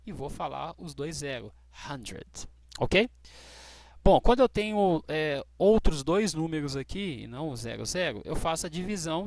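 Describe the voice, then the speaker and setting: Man teaching, lively pitch. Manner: patient, slows right down to model English phrases. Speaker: English teacher. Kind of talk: classroom explanation.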